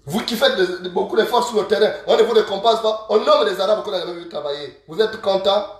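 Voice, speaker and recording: A man from Gabon with a Gabonese French accent, ranting straight to camera as an online activist, scolding and insulting his listeners and repeating proverbs slowly. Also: high voice. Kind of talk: angry direct-to-camera rant. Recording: very echoey room, from a distance.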